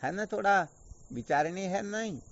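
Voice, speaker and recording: A man's voice: sits high, animated, moderate pace, slight background noise. A man acting as a spiritual teacher, giving a patient, explanatory online discourse full of rhetorical questions. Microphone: video call. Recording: dull lo-fi online call audio.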